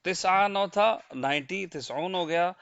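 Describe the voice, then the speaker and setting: A man with a Pakistani Urdu accent teaches from slides, counting through numbers patiently and checking in with his listeners. His voice is smooth and resonant and sits a little high. The recording is dry and somewhat muffled, lacking crisp highs. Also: a bit bright, dry recording. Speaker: language teacher. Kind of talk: slide-based language lesson. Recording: dull, lo-fi dry close mic.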